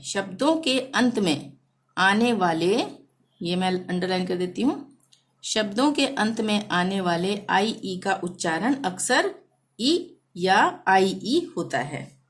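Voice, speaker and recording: Female teacher, mid pitch, very slow delivery; stretches and repeats words for learners. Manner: drawn-out words, repeats each word several times. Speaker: language teacher. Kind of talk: slow step-by-step pronunciation lesson.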